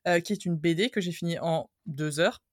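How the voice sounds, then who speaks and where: A woman's voice: on the low side, a little fast, dry recording. Woman chatting about library books, easygoing, hesitant, dry sound. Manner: relaxed, hesitant, playful asides. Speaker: podcast co-host. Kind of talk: casual chat about books.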